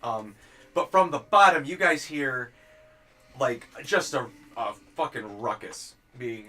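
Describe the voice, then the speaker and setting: A man's voice: medium pitch, lively intonation, slow pace, sharp tone, a little hiss or hum. A man narrating as game master of a tabletop game, chatty and laughing, with spoken sound effects.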